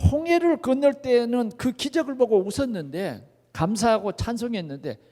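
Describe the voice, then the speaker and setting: Preaching with lively rises and falls in a high voice, this pastor keeps the sermon animated by frequently questioning the congregation. His voice rings through a spacious church sanctuary full of echo.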